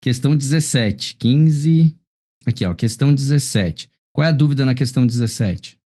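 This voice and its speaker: A man's voice: medium pitch, normal speed, warm tone. A man with a Brazilian Portuguese accent teaching a grammar class over a video call, explaining patiently and asking "tá vendo?" again and again. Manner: explanatory, repeats "tá vendo?" and "ó" often. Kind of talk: live online class correcting a test.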